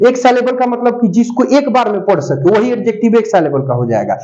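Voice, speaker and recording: A man teaching an English grammar class, who repeats key points, asks students check questions and dictates notes slowly. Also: sits high, animated, a little mellow. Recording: dull lo-fi sound.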